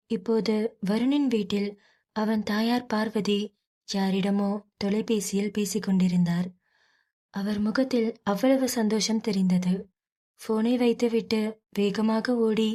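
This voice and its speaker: A woman narrating an audio novel in a steady storytelling manner. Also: medium pitch. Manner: steady, plainly paced storytelling.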